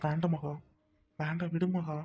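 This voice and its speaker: A performer playing a calm young husband who soothes his wife and reproaches her uncle in an amateur drama skit. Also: mid-range voice, moderate pace, loud music behind the voice, lightly acted. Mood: soothing. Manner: soothing, restraining, then reproachful.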